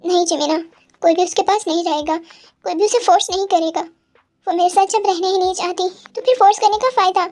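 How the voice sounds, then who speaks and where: A woman's voice: very high-pitched, a little fast, darkish tone, faint music behind. A woman voicing a heartbroken young mafia boss man who cries as he talks, in a Hindi audio story. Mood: wounded. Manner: tearful, pleading delivery.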